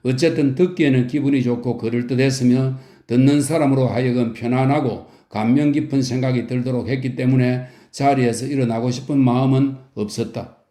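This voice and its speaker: A man reading a novel aloud as a calm, soothing bedtime audiobook narrator. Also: mid-range voice, a little fast, echoey room.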